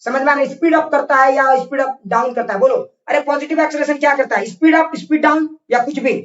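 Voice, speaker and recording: A man's voice: very high voice, steady tone, quick pace, fairly bright tone. A male physics teacher runs an online class, repeating each point and firing "got it?" questions. He scolds and coaxes his students in turn. His voice sounds far from the mic in a roomy space, with dull, lo-fi audio. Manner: scolding, repetitive drilling with constant check questions. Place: online class over internet.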